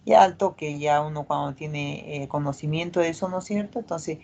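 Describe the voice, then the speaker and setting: A woman's voice: deep voice, moderate pace, vocal fry, mellow, slight background noise, poor audio. A middle-aged woman doctor, lecturing a class and checking in with tag questions. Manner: explanatory, frequent tag questions.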